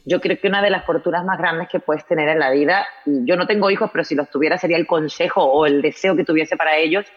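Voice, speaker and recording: A woman from Spain with a Spanish accent, a writer and journalist chatting as a guest in an interview, animated and telling stories with frequent tag questions. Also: low voice, fast, muffled recording. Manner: warm, animated storyteller with frequent "¿no?". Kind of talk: casual interview chat.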